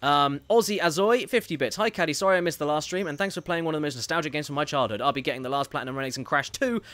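A man's voice: a little high, rapid-fire, fairly bright tone, dry recording. A man streaming a video game, chatting casually and reading viewer messages aloud, rambling and correcting himself as he goes. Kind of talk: casual gameplay commentary.

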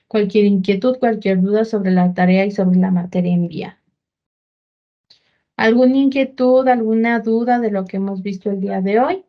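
Brief: Ecuadorian female teacher wrapping up a class, muffled low-fi sound. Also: fairly even intonation, moderate pace. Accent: Ecuadorian Spanish. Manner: gives reminders and asks for questions. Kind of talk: class announcements. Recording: dull lo-fi audio.

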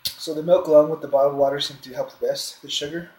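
A man's voice: fairly high pitch, fairly even intonation, quick pace, darkish tone. Man with spicy-burned mouth, echoey room. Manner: talking with mouth burning from spicy food. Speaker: food challenge participant. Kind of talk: casual commentary during a challenge. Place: indoors at a kitchen dining table. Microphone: phone camera across the table. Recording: echoey room, faint background noise.

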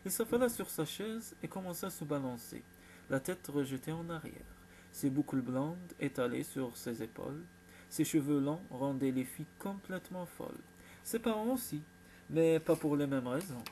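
Un narrateur masculin à la voix plutôt haute lit un roman avec régularité et expression. On entend un léger souffle en fond, sur un enregistrement fait maison. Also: male voice, fairly high pitch, moderate pace, dark tone, a little hiss or hum. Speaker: audiobook narrator. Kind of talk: scripted narration.

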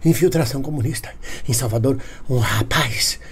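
A man playing a paranoid right-wing man in a satirical comedy monologue, husky, with a Brazilian Portuguese accent, alarmed and indignant, swinging from hushed whispers to high outbursts. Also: moderate pace, a little hiss or hum, lightly acted. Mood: panicked ranting.

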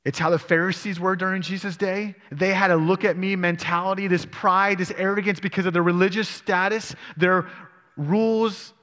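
Working through scripture aloud in a church sanctuary, a male pastor preaches expository-style and puts questions to his congregation. His fairly high voice is a bit bright, with fairly even intonation and normal speed, and the hall's long echo follows each phrase.

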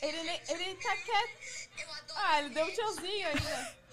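A woman telling a story in a casual chat, excited and laughing. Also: very high voice, normal speed.

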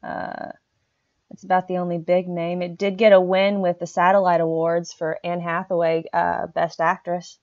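Low-toned woman on a muffled mic. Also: monotone, normal speed, darkish tone. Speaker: podcast co-host. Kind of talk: casual movie podcast chat.

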